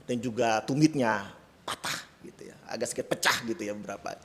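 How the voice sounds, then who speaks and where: A man's voice: lowish voice, fast, creaky, a bit bright, big-room sound. A male pastor preaching a sermon in a church, conversational and laced with self-deprecating humor. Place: church sanctuary.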